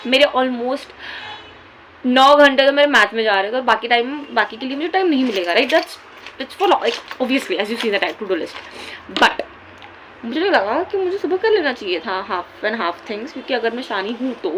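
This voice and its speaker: A woman's voice: fairly high pitch, expressive, moderate pace, fairly bright tone, slight background noise. A teenage girl with an Indian accent chatting casually in a study vlog, mixing Hindi and English and mocking herself. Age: teens. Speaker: student vlogger.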